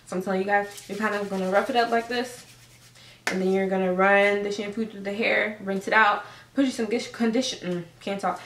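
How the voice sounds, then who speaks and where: A woman's voice: medium pitch, a bit bright, slight background noise. A woman casually talking viewers through a hair tutorial at home, chatty and loose with slang and fillers. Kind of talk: casual how-to vlog. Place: room at home. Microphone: camera set up at a distance. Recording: roomy, camera mic from a distance.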